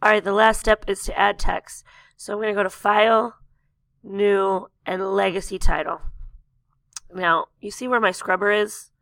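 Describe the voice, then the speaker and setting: A woman teacher talking through a software tutorial step by step, losing her voice, with coughs and throat clearing. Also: medium pitch, steady tone, normal speed, dry recording. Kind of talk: screen-recorded software tutorial.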